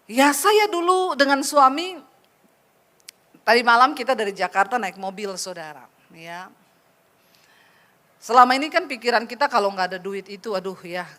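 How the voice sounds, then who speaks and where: A middle-aged woman pastor preaching a lively, chatty sermon, teasing the congregation with asides. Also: medium pitch.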